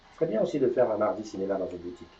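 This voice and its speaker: A man's voice: lowish voice, big pitch swings, rapid-fire, dark tone. A man hosting a live morning show, chatting casually and upbeat, announcing news and teasing his co-host. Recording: distant, roomy, dull sound.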